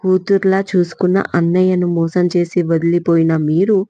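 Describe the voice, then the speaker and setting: A woman's voice: fairly low pitch, flat delivery, normal speed, warm tone, no room sound, highs cut off, close to an everyday voice. A woman voicing a bitter, accusing young man. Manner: harsh, accusing. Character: angry young man confronting his scheming aunt.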